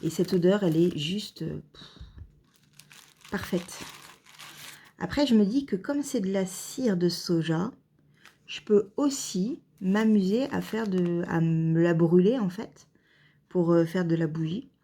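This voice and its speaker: A woman vlogging casually at home, hesitant and chatty with many pauses and fillers. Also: on the low side, mellow, breathy edge. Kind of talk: casual vlog chat.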